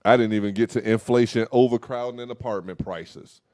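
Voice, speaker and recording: A young man co-hosting a casual talk show, talking in loose slang and telling animated stories. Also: mid-range voice, fairly quick, dry recording, clean studio sound. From Dallas, Texas. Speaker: host. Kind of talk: casual podcast chat.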